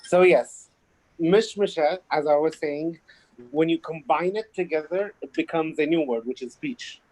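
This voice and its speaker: Halting man. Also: a little high, a little mellow, low-quality recording. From Kuwait. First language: Arabic. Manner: halting, explanatory. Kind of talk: casual chat.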